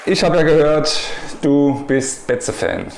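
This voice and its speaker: Guy host cracking jokes w/ rapid questions, echoey room, faint hiss. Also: on the high side, a faint crowd. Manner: joking quick-fire questions. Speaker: host interviewing a new player. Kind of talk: casual podcast interview.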